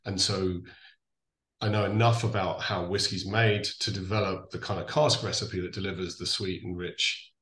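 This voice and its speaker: Low-voiced Irish man, echoey room. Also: fairly even intonation, fairly bright tone. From Donegal, Ireland. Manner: thoughtful, halting, self-correcting delivery. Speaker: interview guest, distillery founder. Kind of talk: conversational interview explanation.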